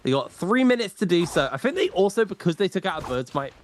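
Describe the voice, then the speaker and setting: A man's voice: sits high, sing-song, fast talker, slight background noise. A man giving live esports commentary in a conversational, rambling play-by-play style. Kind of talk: live gaming commentary with casual chat.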